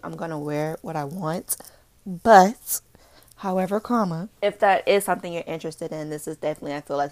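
A woman's voice: low voice, vocal fry. A woman hosting a makeup podcast in a chatty, rambling way, with playful asides. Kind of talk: casual chat.

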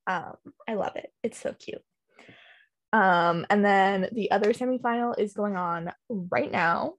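A woman's voice: medium pitch, measured pace. A woman hosting a casual podcast chat about hockey news, talking chattily with lots of fillers and laughs. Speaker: podcast host.

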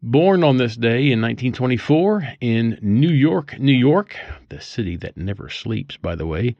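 A man's voice: medium pitch, big pitch swings, measured pace, gravelly, no room sound. An older man hosting a casual daily almanac monologue, musing and digressive, chuckling as he reminisces. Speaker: podcast host. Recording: dull lo-fi dry recording.

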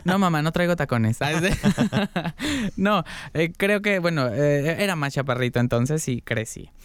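A man's voice: on the high side, lively intonation, a little slow, no echo. A young man with a Mexican accent, an interview guest candidly telling a personal story in casual talk, laughing often and using slang.

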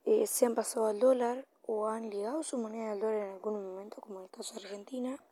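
A woman's voice: fairly high pitch, steady tone, fast, mellow, slight background noise. A woman from Latin America hosting an informal solo podcast, improvising her commentary in a hesitant, self-correcting way. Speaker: podcast host.

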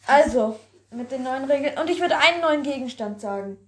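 High-voiced giggly girlish woman, echoey room. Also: expressive, brisk. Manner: giggly, bossy rule-setting. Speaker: podcast co-host. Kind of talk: casual chat playing games. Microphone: handheld mic.

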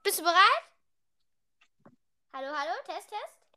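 A woman's voice: very high-pitched, very animated, unhurried, pushed and bright. A woman in casual, playful chat, asking questions as a partner in a challenge.

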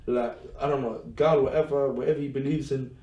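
A man talks in relaxed slang, often saying his points twice. He sounds set back from the mic. The room has a noticeable echo. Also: medium pitch, a little fast, dull audio. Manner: relaxed slangy talk, repeats phrases. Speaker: podcast co-host. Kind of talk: casual chat. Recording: echoey room, mic at a distance.

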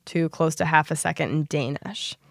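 A woman's voice: sits low, normal speed, gravelly, no room sound, clean studio sound. A woman co-hosting a podcast, explaining things in an informal, slightly rambling chat. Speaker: podcast co-host. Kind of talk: casual explanatory chat, some reading aloud.

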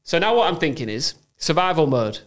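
A man co-hosting a casual gaming podcast, excitable and quick to shout in disbelief. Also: a little high. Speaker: podcast co-host. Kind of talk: casual chat.

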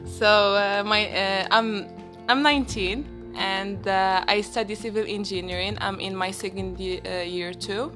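A shy young woman from Morocco introduces herself haltingly, sounding nervous. She speaks at a middle pitch, and music plays clearly under her voice. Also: fairly even intonation. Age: late teens. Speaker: podcast guest. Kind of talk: casual chat.

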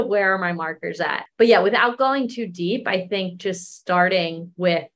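Woman in her thirties, low-ish voice, explaining stuff easygoing with lots of "like". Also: unhurried. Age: 30s. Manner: relaxed, explanatory, many fillers. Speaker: wellness coach guest. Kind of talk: casual interview chat.

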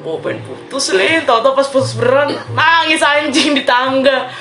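A woman's voice: sits high, animated, moderate pace, over music. A young woman with a Jakarta accent bantering casually, slangy and teasing, often jumping in.

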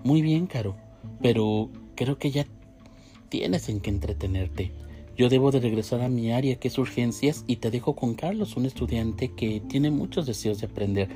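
A man voicing a kind, playful young Japanese nurse in a storybook reading, speaking gently and teasing now and then. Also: medium pitch, normal speed, voice pushed up, lightly acted. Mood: friendly. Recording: faint music behind.

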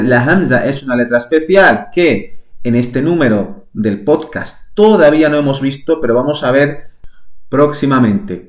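Male podcast teacher, unhurried and patient, mid-pitched, recorded in a roomy space. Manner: slow, patient, spells out words and repeats them. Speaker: language teacher. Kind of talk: podcast language lesson.

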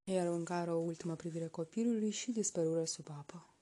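A woman reading a folk tale aloud in a soft, slow, hushed narration. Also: lowish voice. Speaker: storyteller.

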